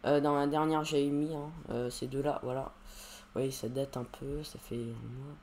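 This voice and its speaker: A man's voice: mid-range voice, steady tone, normal speed, a little mellow, a little hiss or hum. A man giving casual, rambling gameplay commentary at his computer, hesitating often with fillers. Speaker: YouTuber.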